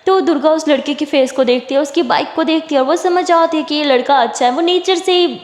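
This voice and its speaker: Woman narrating a story all chatty and casual, high voice, echoey room with long reverb. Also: brisk.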